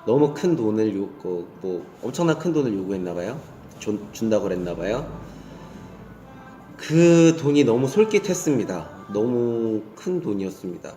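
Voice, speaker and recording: A man's voice: fairly low pitch, very animated, moderate pace, mellow. Man playing a humble pleading father. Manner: deferential, pleading. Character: cautious, pleading father before a king, man. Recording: roomy echo with faint music.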